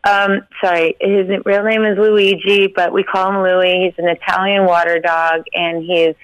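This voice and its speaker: A woman's voice: on the low side, level tone, unhurried, no room sound, dull audio. A woman guest chatting casually over a landline phone, laughing easily with many ums. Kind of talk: casual interview chat.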